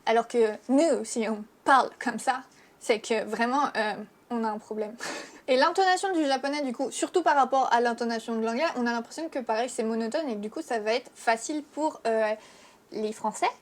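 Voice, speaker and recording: High-voiced chatty French woman teacher. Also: fairly quick. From France. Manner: chatty, frank, lots of fillers. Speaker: Japanese teacher and YouTuber. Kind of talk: casual video lesson.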